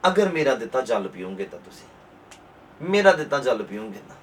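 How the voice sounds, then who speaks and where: A pastor with a Punjabi accent preaching a sermon, repeating his points and rising to forceful emphasis. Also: medium pitch, big pitch swings, a little fast, far from the mic, a little hiss or hum.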